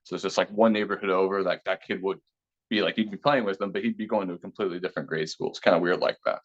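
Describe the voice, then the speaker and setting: A man's voice: low voice, rapid-fire. A man in his thirties, originally from Taiwan, talking casually and at length as an interview guest, with many fillers. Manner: relaxed, rambling, many fillers. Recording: slightly dull lo-fi sound.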